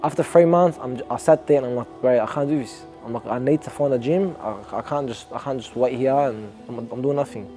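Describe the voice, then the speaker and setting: A man's voice: medium pitch, fairly quick, few pauses, warm tone, faint music behind. A young Australian man, an amateur boxer, talking earnestly and reflectively in a documentary interview, often restarting his sentences.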